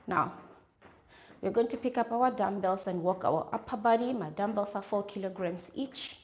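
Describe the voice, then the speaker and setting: A woman's voice: mid-range voice, normal speed, darkish tone, highs cut off, slight background noise. A woman leading a workout as a fitness instructor, giving encouraging coaching and instructions. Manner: encouraging, urging with clipped repeated commands during exercise. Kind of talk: workout coaching, instructions and short motivational cues.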